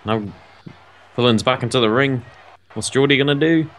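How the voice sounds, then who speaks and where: A man's voice: mid-range voice, moderate pace. Teasing male wrestling co-commentator. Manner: teasing, chuckling banter. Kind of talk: casual color commentary.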